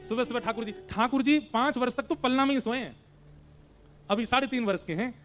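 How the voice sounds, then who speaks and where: High-voiced man telling a devotional tale. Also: brisk. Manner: animated, chants verses. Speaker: devotional storyteller. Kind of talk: devotional story sermon.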